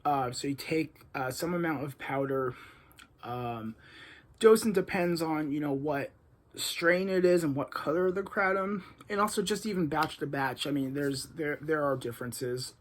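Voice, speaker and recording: A young man talking candidly and haltingly about his own recovery, with frequent ums and uhs in a casual monologue. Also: fairly high pitch. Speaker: vlogger recounting his addiction recovery. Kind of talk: casual first-person monologue.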